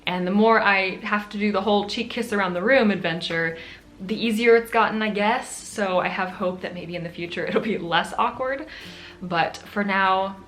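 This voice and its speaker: A woman's voice: mid-range voice, normal speed, fairly bright tone. An American woman vlogger chatting to camera, laughing often and poking fun at herself. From United States. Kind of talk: casual chat to camera.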